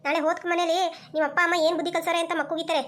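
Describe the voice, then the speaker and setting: A woman's voice: extremely high pitch, flat delivery, racing, fairly bright tone. Woman voicing a village mother, cartoon, strict, scolding, nagging. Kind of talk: cartoon voice acting.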